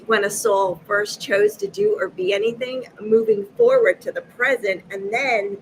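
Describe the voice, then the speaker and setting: A woman in her fifties from Massachusetts, a guest on a live video chat, telling stories with lively acted-out dialogue and frequent laughter. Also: on the high side, normal speed, slight background noise, low-quality recording. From Massachusetts, USA. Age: 50s. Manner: lively, acts out quoted dialogue, laughs often. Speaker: guest, energy healer. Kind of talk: animated storytelling in a live chat.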